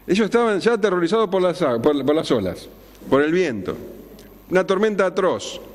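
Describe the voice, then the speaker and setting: High-voiced pastor preaching in a hall. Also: male voice. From Argentina. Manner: dramatic preaching, slowing down and dropping low on key words. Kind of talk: expository sermon. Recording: long hall reverb.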